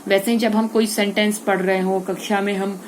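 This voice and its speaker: A woman's voice: medium pitch, little pitch movement, moderate pace, slight background noise. A woman teaching a Hindi grammar lesson to schoolchildren, explaining step by step and asking and answering her own questions.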